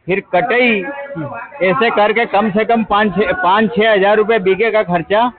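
A man's voice: high-pitched, steady tone, a little slow, a crowd in the background. A farmer man answering a reporter's questions at a market, plainly listing his costs. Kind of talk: street interview. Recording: phone-like narrow sound.

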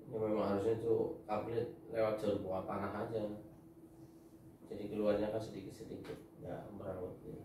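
A man's voice: lowish voice, little pitch movement, fairly quick, mellow, slight background noise. A man talking as a father giving his family advice in casual chat, lecturing and laughing often. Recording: echoey room, mic far off.

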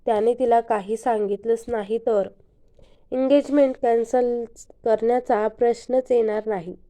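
A woman storyteller narrating a scripted story with calm, steady delivery. Her voice is fairly high yet very dark and mellow. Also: measured pace.

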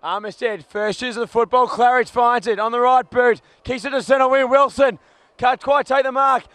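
Excitable high-voiced football caller. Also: male voice, normal speed, no echo. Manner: excitable, shouts player names at big moments; clipped bursts of names and actions. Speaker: football commentator. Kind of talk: live play-by-play commentary. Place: commentary box at an outdoor ground.

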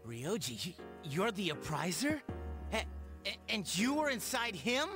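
A man voicing a rattled, excitable young man in a video game, stammering in disbelief. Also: high voice, measured pace, exaggerated voice. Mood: shocked. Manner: stammering, bewildered. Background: game music.

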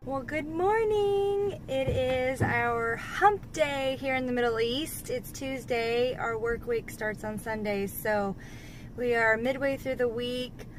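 A woman in her thirties with a high voice chats casually to her camera. She is informal and expressive and takes her time. There is clear noise around her. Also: slow pace. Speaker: family vlogger. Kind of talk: casual vlog chat. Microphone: phone or camera at arm's length.

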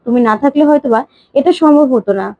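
Woman voicing young son, reassuring, hopeful, high voice, dull lo-fi. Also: quick pace, dry recording. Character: young adult son, hopeful music student.

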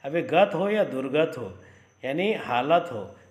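A man's voice: a little high, lively intonation, a little slow. Male teacher explaining a play. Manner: explanatory, stops to gloss words. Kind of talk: reading and explaining a play for a school lesson. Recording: roomy echo.

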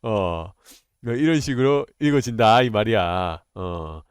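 A man chatting casually with viewers on a livestream, talking in a blunt, excitable, informal way. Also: on the low side, a little slow, clean tone, no room sound, clean studio sound. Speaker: live streamer.

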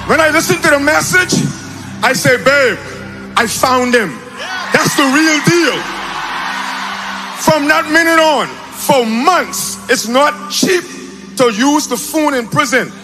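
A man raised in the Bahamas giving a spoken testimony on a large auditorium stage into a handheld mic, animated and breaking into shouts when excited. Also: extremely high pitch, slow, long pauses, music in the background. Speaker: testimony speaker at a church event. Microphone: handheld mic held by another man.

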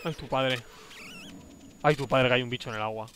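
A man's voice: medium pitch, fairly even intonation, fairly quick, background noise. A man streaming a horror game live, thinking aloud, easily startled and yelping at scares. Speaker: livestreaming gamer.

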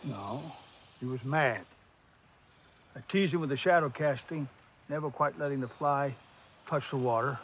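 A man's voice: medium pitch, a little slow, long pauses, a bit bright, slight background noise, natural voice. An actor in his seventies playing a wise, firm, folksy golf mentor in a film, speaking plainly and instructively. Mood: probing, calm. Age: 70s. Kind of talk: naturalistic film acting.

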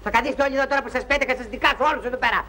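An actor playing a naive young soldier in a 1960s film comedy, rambling and apologizing, with pompous turns of phrase. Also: male voice, extremely high pitch, fairly even intonation, sharp tone. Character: naive, talkative young soldier, pleading and indignant. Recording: noisy old film soundtrack.

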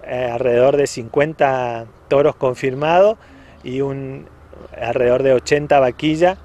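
Outdoors in a grassy parking area at a cattle auction ground, a provincial livestock official in his forties with an Argentine accent gives a semi-formal news interview. He speaks into a handheld reporter's microphone at chest height in a mid-range, slightly mellow voice at a measured pace. The recording is muffled.

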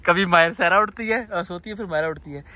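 A young man filming a casual family travel vlog on a handheld phone, excitedly talking to viewers outdoors and from a car in heavy rain. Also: high voice, quick pace. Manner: excitable, keeps addressing viewers as guys. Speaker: vlogger.

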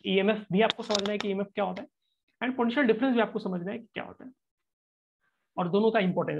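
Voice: mid-range voice, gravelly. Chatty teacher on a dull stream. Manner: conversational explaining with frequent checking-in tags. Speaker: physics teacher. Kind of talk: live online class lecture.

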